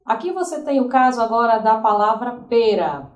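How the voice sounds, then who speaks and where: A woman teacher with a Brazilian Portuguese accent explaining grammar rules, repeating examples slowly and checking in with the class. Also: fairly high pitch, lively intonation. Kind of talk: recorded grammar lesson. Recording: roomy, from a distance.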